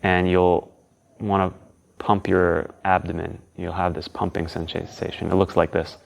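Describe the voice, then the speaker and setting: A man's voice: sits low, flat delivery, a little slow, vocal fry. A man teaching a guided breathing lesson as an instructor, with casual, informal phrasing.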